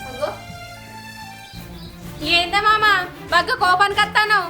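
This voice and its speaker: An actress with a Telangana accent playing a sharp-tongued young village wife who taunts and snaps. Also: female voice, very high voice, a little slow, exaggerated voice. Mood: taunting. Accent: Telangana Telugu. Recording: echoey room. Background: loud background music.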